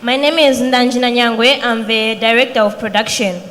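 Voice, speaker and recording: High-voiced young woman presenting. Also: fairly even intonation, moderate pace, fairly bright tone. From Zambia. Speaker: student company director presenting. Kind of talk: scripted competition pitch. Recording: reverberant hall.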